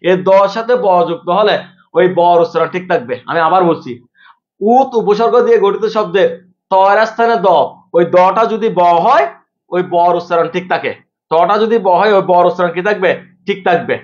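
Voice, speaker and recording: A man's voice: high-pitched, moderate pace, dull audio. A man teaching a live exam-prep class, who repeats each rule and asks questions that he answers himself. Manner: repeats rules for drilling.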